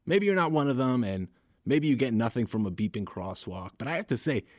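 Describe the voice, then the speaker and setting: A man's voice: medium pitch, sing-song, fairly quick, no echo, studio quality. A man hosting a podcast, reading scripted narration in a wry, conversational way. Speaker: podcast host.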